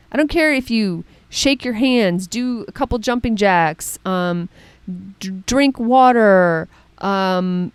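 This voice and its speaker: A woman's voice: medium pitch, clean tone, dry recording. Chatty woman coaching, dry sound. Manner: chatty, animated, often asks "right?" and "okay?". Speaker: mental performance coach. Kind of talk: casual spoken lesson.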